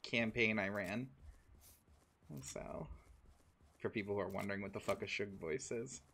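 A man's voice: on the low side, steady tone, measured pace, sharp tone, slight background noise. A man co-hosting a live gaming stream, chatting casually, laughing and swearing as he reacts to the game. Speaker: streamer co-host.

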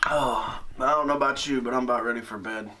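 A man's voice: mid-range voice, fairly even intonation, fast, pushed and bright. A plain-spoken, laid-back man talking casually with his son while he vlogs from a small wood-heated cabin. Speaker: outdoors vlogger.

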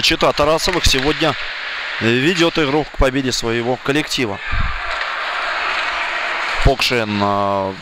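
A man giving live ice hockey play-by-play, thinking aloud in broken, pausing phrases. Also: fairly high pitch. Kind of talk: live play-by-play sports commentary. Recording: loud background noise of a rink. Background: indoor ice rink ambience.

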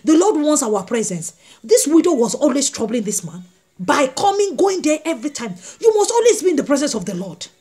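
A woman's voice: sits high, a little mellow. A woman preaching a sermon, emphatic and repeating her key phrases as she tells stories. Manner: storytelling with acted quotes.

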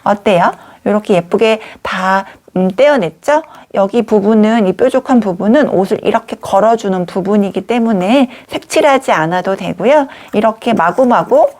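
A woman teacher leading a craft lesson for young children, talking gently in a sing-song way. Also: medium pitch, animated, moderate pace, hardly any pauses.

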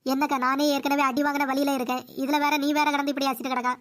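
A woman's voice: sits high, little pitch movement, fast, lightly acted. A woman putting on a whiny old mother-in-law. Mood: complaining. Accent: Kanyakumari Tamil. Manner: complaining, whiny. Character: older mother-in-law, beaten and whining.

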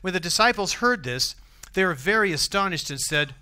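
American guy preaching in church, bright forceful voice, a bit high, keeps asking the room questions. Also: animated, normal speed, smooth. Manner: conversational preaching, asks the congregation questions. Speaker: pastor. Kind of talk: sermon.

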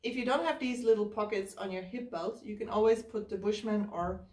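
A brisk, medium-pitched woman's voice with a darkish tone belongs to a hiking vlogger in her thirties. Indoors in her living room, she casually explains, step by step, how she packs her hiking backpack while handling the equipment. The camera mic sits across the room, giving a roomy, slightly distant sound.

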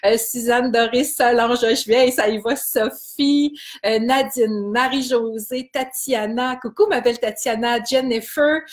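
A woman's voice: on the high side, steady tone, measured pace. Chatty Québécois woman hosting a live stream. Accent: Québécois French. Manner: chatty and warm with many hesitations. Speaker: kinesiology wellness host. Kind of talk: Facebook live, greeting viewers.

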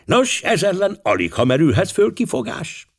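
A man voicing a brisk, practical male police inspector who talks in a plain, businesslike way. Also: sits high, sing-song, voice pushed up, exaggerated voice.

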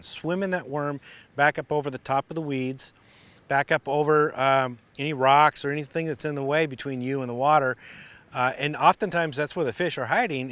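Outdoors on a lakeshore, a middle-aged fishing instructor gives a relaxed, practical how-to demonstration, explaining with restarts. His voice is on the high side, captured on a lapel mic with no room sound.

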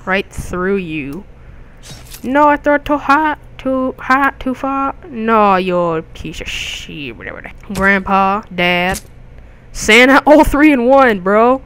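Excitable young man doing game commentary. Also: sits high, slow pace, clear, resonant tone. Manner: excitable, jokey, crude outbursts. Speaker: gaming video host. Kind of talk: gameplay commentary.

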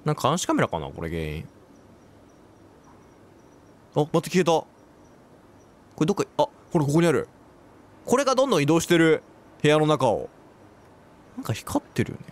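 This let's play commentator is a man with a slightly high voice that swoops wildly in pitch. He talks at normal speed with frequent pauses, reacting to the game, quipping, exclaiming and chatting to himself as he plays.

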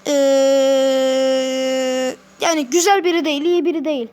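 High-voiced woman grumbling over gameplay. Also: steady tone, normal speed. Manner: chatty, grumbles and talks to game characters. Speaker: gameplay commentator. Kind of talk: casual let's-play commentary.

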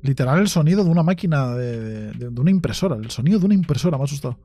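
A man's voice: mid-range voice, lively intonation, very fast, mellow. A man with a Spain Spanish accent giving let's play commentary on a horror game, jumpy, swearing often and talking to himself. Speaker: gaming YouTuber.

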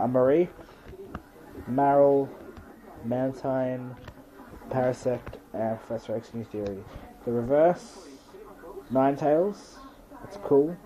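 A trading card pack-opening host chats casually through an unscripted unboxing indoors in his bedroom, running through the cards one by one without fuss. His medium-pitched voice has a warm tone, though the audio quality is poor.

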